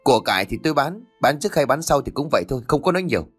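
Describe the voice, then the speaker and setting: A man's voice: medium pitch, sing-song, very fast, a bit bright, breathy edge, no room sound, faint music behind, pitched above the performer's own voice. A man reading an audiobook, voicing a greedy, cruel young adult son who snarls with contempt. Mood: contemptuous.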